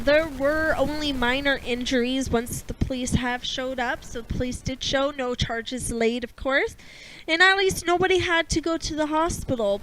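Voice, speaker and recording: A woman co-hosts a casual news talk show. She talks in a chatty, rambling way, padding her sentences with fillers. Her voice is high. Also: a bit bright, a little hiss or hum, poor audio. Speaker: podcast co-host.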